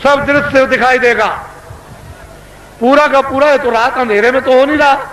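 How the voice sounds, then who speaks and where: High-pitched older man, booming rally-style oratory. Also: fairly even intonation, moderate pace, fairly bright tone. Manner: declamatory, rhetorical questions, repeats phrases and demands answers from the crowd. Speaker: religious leader addressing a mass gathering. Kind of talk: booming public oratory, political rally-like sermon. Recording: echoing, noisy public-address recording from 1980s.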